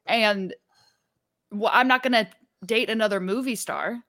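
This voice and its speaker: A young woman co-hosting a podcast in casual banter, with quick, playful comebacks. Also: a little high, fairly bright tone. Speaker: podcast co-host.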